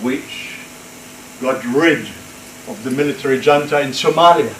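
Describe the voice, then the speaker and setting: A man acting in an amateur pantomime as a boastful old economist, reminiscing in a drawn-out, self-important way. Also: medium pitch, fairly bright tone, close to an everyday voice. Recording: echoey hall with audience noise.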